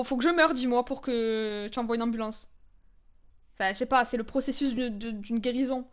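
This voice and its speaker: A woman's voice: on the high side, highs cut off. A young woman telling storytime anecdotes in a chatty, slangy, dramatic way. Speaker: vlogger. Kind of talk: casual storytime vlog.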